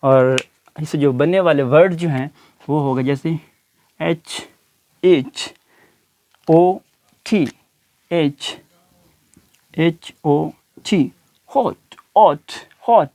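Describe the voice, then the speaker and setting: A man with a fairly high voice delivers an English pronunciation lecture at a very unhurried pace. He spells words out letter by letter and repeats each one several times, filling pauses with drawn-out fillers. The sound is dry and close. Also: darkish tone, dry recording. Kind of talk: spoken phonetics lecture.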